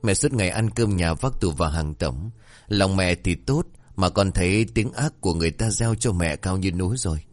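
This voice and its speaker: A man's voice: low-pitched, lively intonation, normal speed, dry recording. A man voicing a cheeky, spoiled teenage daughter who teases her mother in a folk tale. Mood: teasing. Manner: teasing, sassy.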